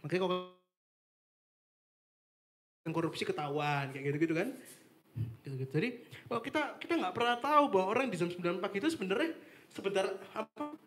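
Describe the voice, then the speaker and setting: A young man giving a casual devotional talk, chatty and animated, with lots of fillers. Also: high-pitched, fast talker, pauses often. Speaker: devotional speaker. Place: apartment meeting room with live and online audience.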